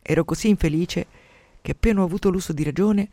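Self-absorbed young patient, read by a man, talkative, guilt-ridden, high-ish, dry. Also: fast, warm tone, no echo. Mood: self-pitying. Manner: chattering, self-pitying. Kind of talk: radio story reading.

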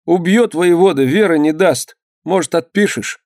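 A man's voice: on the high side, normal speed, darkish tone, no room sound, clean studio sound, voice pushed up, lightly acted. A man voicing a frightened young male servant who speaks timidly and pleads. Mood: pleading.

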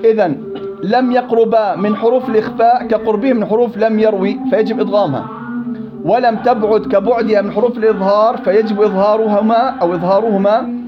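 A man with a high-pitched voice leads a recitation class, quizzing students and repeating words to demonstrate them. The audio has its highs cut off.

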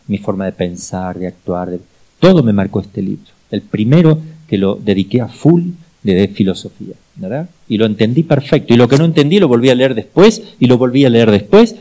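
Middle-aged Argentine male priest, mellow timbre, lively storyteller who repeats for emphasis. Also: lowish voice, poor audio. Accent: Argentine Spanish. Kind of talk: teaching talk with personal anecdotes.

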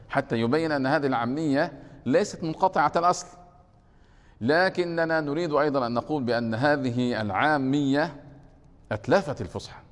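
Egyptian sheikh lecturing in a reverberant hall. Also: male voice, medium pitch. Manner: checks the class often with rhetorical questions. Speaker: sheikh teaching Arabic grammar. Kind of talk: classroom grammar lecture.

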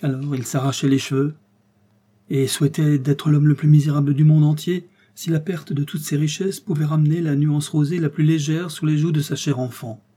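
A man reading a classic tale aloud as an audiobook narrator, measured and expressive. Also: fairly high pitch.

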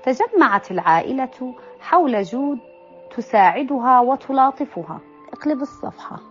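A woman's voice: high voice, big pitch swings, moderate pace, a bit bright. A woman reading a children's storybook aloud expressively, calling out page turns, in a slightly dull recording with faint music.

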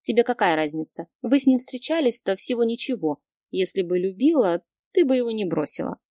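A woman's voice: medium pitch, expressive, brisk, darkish tone, no room sound, studio quality, close to an everyday voice. A woman voicing a brash young female friend who snaps back bluntly, in an audiobook reading. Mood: defensive. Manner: snapping, blunt.

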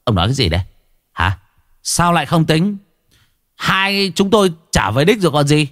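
A man's voice: medium pitch, sing-song, unhurried, no echo, studio quality. A man voicing a brash, hot-tempered old man built like a bull, who boasts, swears and bellows. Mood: furious.

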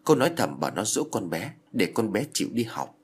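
A man narrating a ghost story with a husky, fairly low voice. His pitch moves a lot as he tells it, steady yet dramatic. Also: fairly quick.

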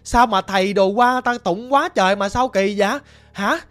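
A woman's voice: medium pitch, normal speed, fairly bright tone, dry recording, close to an everyday voice. A woman voicing a tearful middle-aged aunt pleading with a ghost, asking repeated questions. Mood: anxious. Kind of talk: ghost story narration.

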